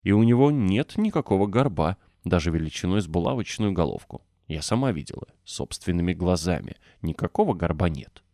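A man's voice: deep voice, very animated, brisk, hardly any pauses, dark tone, dry recording, studio quality. A man voicing an earnest young girl who speaks insistently, a little breathless.

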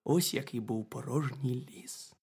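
A man reading a children's story aloud in a gentle, expressive narrating voice. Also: medium pitch, measured pace, creaky, breathy edge.

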